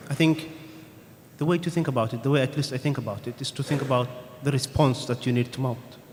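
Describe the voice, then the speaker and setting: A man on a conference panel answering audience questions in a measured, thoughtful way, pausing with "um" between points. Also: mid-range voice, steady tone. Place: conference hall. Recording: reverberant conference hall, faint room noise.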